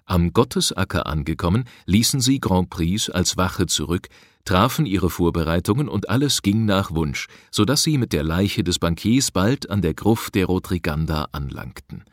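A man with a very low, deep voice reads an adventure story at an even, measured pace. He is close to the mic, and the recording is dry with no room echo. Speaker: audiobook narrator. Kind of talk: scripted narration.

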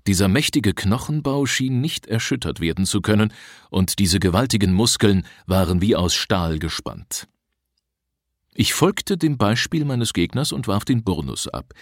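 A man reads an adventure story aloud with expressive storytelling. His voice sits low but moves lively through its range. The sound is dry and close. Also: dry recording. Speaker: audiobook reader. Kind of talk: scripted narration.

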